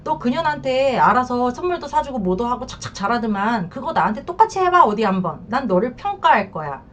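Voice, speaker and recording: A woman voicing a furious betrayed wife who taunts her husband in shrill outbursts. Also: big pitch swings, brisk, fairly bright tone, slight background noise. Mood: taunting.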